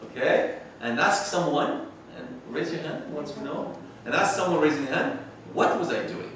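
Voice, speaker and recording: A man leading an adult workshop, pressing the group with quick, repeated questions. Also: fairly high pitch, fairly bright tone. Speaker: workshop leader. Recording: echoey room, distant mic, noisy.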